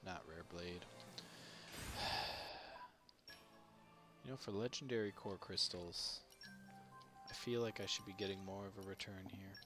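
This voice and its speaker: A man's voice: low voice, steady tone, unhurried, long pauses, music in the background. A man giving casual, wry running commentary while streaming a video game, reacting aloud to each result.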